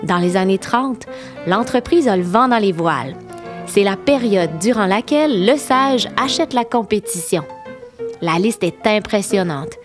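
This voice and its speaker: A woman's voice: medium pitch, expressive, a little slow, music in the background. A woman with a Québécois accent hosting and narrating a history walking tour podcast, playful and enthusiastic, with teasing asides to her listeners. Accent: Québécois French. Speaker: podcast host and tour guide.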